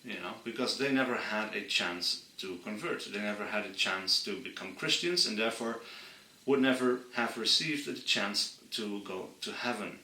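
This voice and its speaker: A man from Friesland, earnestly explaining history to his channel's viewers and slowing down to stress key points. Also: on the low side, sharp tone, echoey room, distant mic, rough recording. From Friesland, Netherlands. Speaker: channel host. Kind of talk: explainer monologue.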